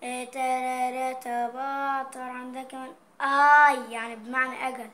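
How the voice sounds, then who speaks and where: High-voiced Egyptian woman, playful vlogger. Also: level tone, moderate pace, sharp tone, slight background noise. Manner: playful, reading out dialect words and their meanings. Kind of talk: casual vlog chat.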